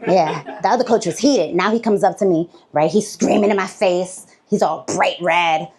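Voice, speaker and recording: A woman's voice: fairly low pitch, a little mellow, a little hiss or hum. A woman performing a stand-up comedy set on stage, telling a story and laughing between her lines. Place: comedy stage before a live audience.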